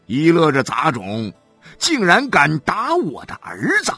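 An audiobook reader playing an angry, humiliated husband who scolds harshly over soft music. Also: medium pitch, huge pitch swings, a little slow, breathy edge, no echo, pitched above the performer's own voice, heavily acted. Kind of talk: audiobook character voice.

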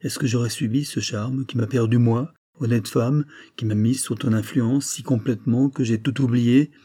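A man's voice: mid-range voice, fairly even intonation, moderate pace, warm tone, breathy edge, no room sound, studio quality, close to an everyday voice. A man voicing a guilt-torn married woman pleading with her young lover, in an impassioned, tremulous way. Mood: anguished pleading.

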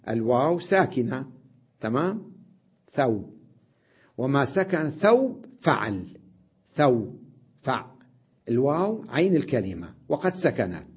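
A man's voice: mid-range voice, slightly rough, highs cut off. A man teaching an Arabic grammar lesson, explaining step by step, repeating words and checking with his students.

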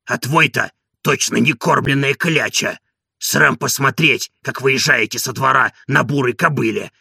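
A man doing a gravelly hoarse old servant. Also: medium pitch, unhurried, pushed and bright, no room sound, clean studio sound, exaggerated voice. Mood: indignant. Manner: indignant, boastful. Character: hoarse, devoted old male servant, easily angered.

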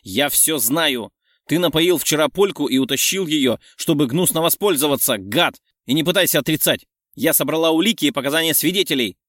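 Man doing a shrill furious young woman. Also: expressive, brisk, no room sound, studio quality. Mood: accusing. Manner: shrill, loud, squealing.

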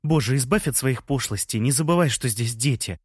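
A man voicing Lea, an emotional, quick-tempered young woman who shouts and scolds, in an audiobook reading. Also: very deep voice, lively intonation, slightly rough, no room sound, studio quality, heavily acted. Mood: scolding.

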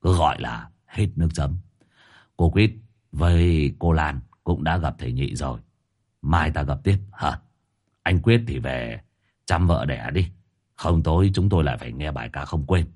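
A man doing a pompous, deep-voiced exorcist master. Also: lively intonation, darkish tone, exaggerated voice. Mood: solemn. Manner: slow, solemn, mock-dignified.

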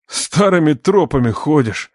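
A man's voice: medium pitch, darkish tone, no echo, studio quality, natural voice. A man voicing a cold, menacing father. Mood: cold menace. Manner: cold, slow, commanding. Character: calm, menacing middle-aged father interrogating.

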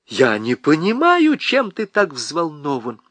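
A man voicing a gentle, patient middle-aged wife who speaks softly and soothingly. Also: a little high, huge pitch swings, takes it slowly, dry recording, pitched above the performer's own voice, full character voice. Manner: soft, soothing, timid.

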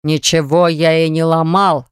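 A reader voicing a callous small-company boss who defends himself in slow, indignant tones. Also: male voice, on the high side, level tone, smooth, no echo, studio quality, close to an everyday voice. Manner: slow, indignant, self-justifying.

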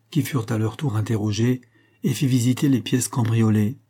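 A man reading a story aloud in measured narration, raising his voice for the characters' quoted lines. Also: on the low side, dark tone, breathy edge. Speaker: audiobook reader. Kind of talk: scripted narration.

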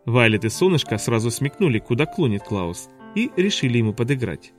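A man's voice: mid-range voice, big pitch swings, a little fast, soft background music. A man narrating a children's story as an audiobook, expressively. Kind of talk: scripted narration.

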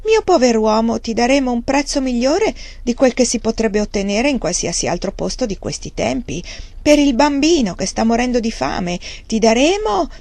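A woman's voice: a little high, big pitch swings, moderate pace, creaky, a little mellow, no echo, pitched above the performer's own voice, full character voice. A woman voicing a one-eyed male land buyer from the city who speaks in an unctuous tone. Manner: unctuous, then harsh.

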